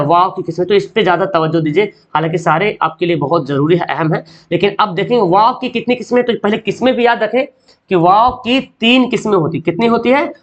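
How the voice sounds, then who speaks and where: A man's voice: sits high, fairly bright tone, highs cut off. A man teaching an online grammar lesson. He asks questions and answers them himself, and he stretches out sounds to show how words are said. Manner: drawn-out sounds to show pronunciation.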